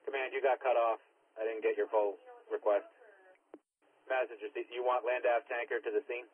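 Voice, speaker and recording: Crowd noise sits behind a male emergency dispatcher whose mid-range voice stays level at a moderate pace. He works fire and ambulance calls over a two-way radio, clipped and procedural, repeating units and times. The dispatch mic sound is narrow and tinny, like scanner radio.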